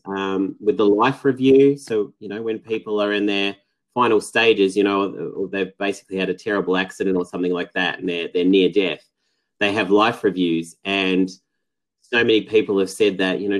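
Low-voiced reflective man rambling. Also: rough recording. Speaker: podcast guest. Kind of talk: casual interview talk.

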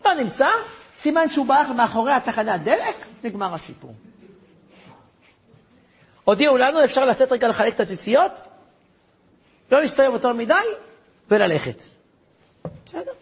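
A man, a rabbi, tells a story to an audience in an animated way, acting out voices and sound effects. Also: extremely high pitch, pauses often, slightly rough.

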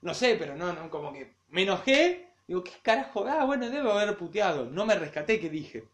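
High-voiced Argentine guy in an echoey room. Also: very animated, fairly quick. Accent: Rioplatense Spanish. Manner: laid-back, swears a lot, self-deprecating. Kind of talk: casual chat between friends. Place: friend's house, indoors. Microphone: phone recorder.

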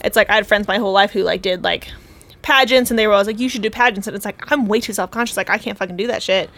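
A woman's voice: mid-range voice, a bit bright. A woman speaking candidly in a casual podcast chat, full of "like" fillers. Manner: candid, fast, filler-heavy.

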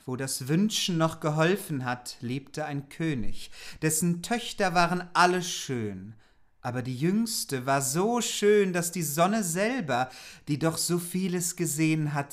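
A man co-hosting a podcast, reading a fairy tale aloud in a playful, chatty way and jumping in with asides. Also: fairly high pitch. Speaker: podcast co-host.

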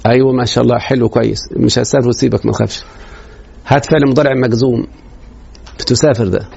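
Egyptian man, grammar teacher, quick talker, gravelly, lo-fi recording. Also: medium pitch, steady tone, a little mellow. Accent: Egyptian Arabic. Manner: quizzes students with rhetorical questions. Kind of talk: grammar lesson. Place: classroom. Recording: dull lo-fi recording.

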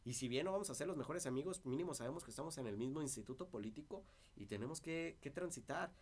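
Speaking fast with lively intonation, a party politician with a slightly high, dry voice goes over past disputes. He's the guest in a casual interview conversation.

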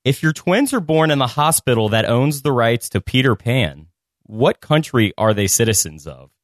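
An upbeat, joking quiz host reads out trivia questions. The voice sits at a middle pitch in a dry, close sound. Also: sing-song, normal speed, no room sound. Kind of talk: casual hosting, reading quiz questions.

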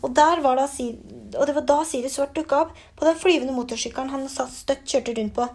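A woman doing a loud, rough giant gamekeeper. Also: high-pitched. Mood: furious. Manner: loud, rustic dialect words. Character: huge rough-spoken male gamekeeper, hot-tempered.

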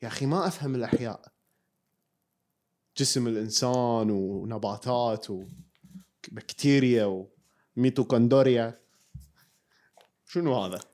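A man co-hosting a podcast, telling stories in an animated, joking way. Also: medium pitch. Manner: quick, animated storytelling, joking. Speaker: podcast co-host. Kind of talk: casual chat.

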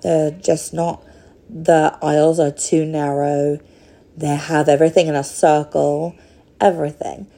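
A woman's voice: sits low, level tone, a little slow, gravelly, mellow. A woman hosting a podcast, speaking in a rambling, casual monologue with many fillers. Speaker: podcast host.

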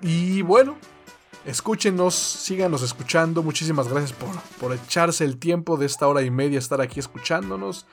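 A man's voice: on the high side, animated, normal speed, soft background music. A Mexican man co-hosting a podcast, chatting casually in laid-back, slangy, sweary bro talk. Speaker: podcast co-host.

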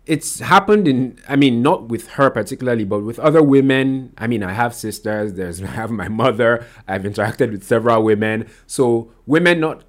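A man's voice: mid-range voice, expressive, moderate pace, few pauses. A man hosting a solo podcast, talking casually and rambling, often restarting and correcting himself with lots of fillers. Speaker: podcast host.

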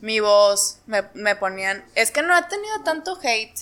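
A young woman with a northern Mexican accent from Monterrey, chatting casually as a YouTuber guest and telling things in animated, acted-out quotes. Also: a little high, moderate pace. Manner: animated storytelling, quotes herself and others in acted asides. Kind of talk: casual chat.

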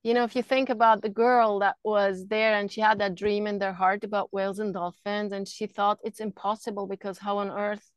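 A middle-aged woman from Switzerland speaks as a podcast guest in an earnest, flowing way, circling back and repeating words as her thoughts form. Her voice sits at an ordinary middle pitch. The recording is dry and close, with no room sound. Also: level tone, a little fast, few pauses, clear, resonant tone, no echo. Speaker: podcast guest, energy healer. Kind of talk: casual interview talk. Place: camper van.

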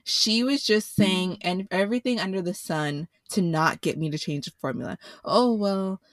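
A woman's voice: on the low side, expressive, moderate pace, fairly bright tone, no echo, studio quality. Blunt, profane woman storyteller. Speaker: podcast co-host. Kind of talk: casual chat.

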